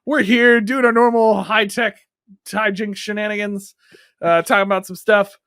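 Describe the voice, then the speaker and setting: A man's voice: sits high, steady tone, normal speed, a bit bright, smooth, no room sound, studio quality. A man co-hosting a podcast, joking and rambling in casual banter, often laughing at himself. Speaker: podcast co-host.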